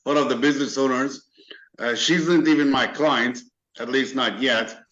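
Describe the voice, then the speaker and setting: A Hungarian business owner appears as a guest in a casual interview, speaking earnestly with plenty of fillers and restarts. His voice is medium-pitched and fairly bright, at a moderate pace. The recording has a dull, lo-fi quality.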